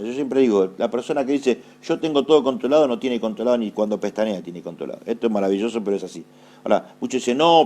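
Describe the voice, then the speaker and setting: A man's voice: medium pitch, a little mellow. A man with an Argentine accent preaching a sermon, asking rhetorical questions, answering them himself and repeating phrases for emphasis. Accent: Argentine Spanish. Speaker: apostle preaching.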